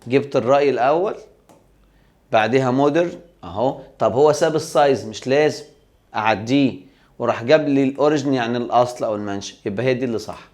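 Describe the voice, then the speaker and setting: A man's voice: mid-range voice, quick pace, darkish tone. A man with an Egyptian Arabic accent teaching a recorded English grammar lesson. He explains step by step and answers his own rhetorical questions.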